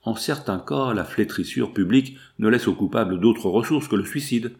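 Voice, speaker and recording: A man's voice: lowish voice, normal speed, darkish tone, lightly acted. A man voicing a polite, earnest young lawyer in an audiobook. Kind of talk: audiobook character reading.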